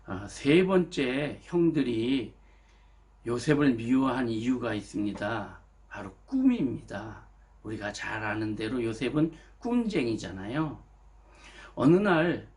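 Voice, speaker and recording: A male pastor delivering a sermon, retelling a bible story in a lively way and addressing his listeners directly. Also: mid-range voice.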